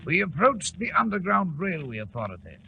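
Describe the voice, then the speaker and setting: An actor playing an earnest English gentleman doctor, a detective's loyal companion, in 1940s radio drama with a British accent. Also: high voice, huge pitch swings, fairly quick, creaky, dull audio, music in the background, heavily acted. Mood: grave, recounting. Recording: faintly noisy 1940s radio recording.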